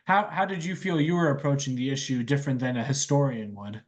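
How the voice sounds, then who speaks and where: A man's voice: mid-range voice, fast talker. A man working as an interviewer, asking questions in a casual conversational style.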